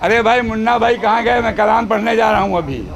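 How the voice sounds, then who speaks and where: Guy reciting religious poetry at a shrine gathering, raspy fry in a high voice, repeats every couplet, banters between verses. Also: fairly quick, a loud crowd, heavy background noise.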